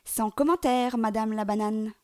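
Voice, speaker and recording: A woman's voice: steady tone, normal speed, darkish tone, natural voice. A woman playing a cheeky, cunning little boy. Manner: high, cheeky and mocking.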